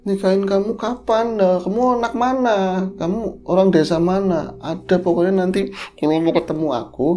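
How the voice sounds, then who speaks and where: Brief: man doing a seductive female jinn in a spoken horror tale, coy, quietly demanding, warm and mellow. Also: medium pitch, normal speed, faint music behind, close to an everyday voice.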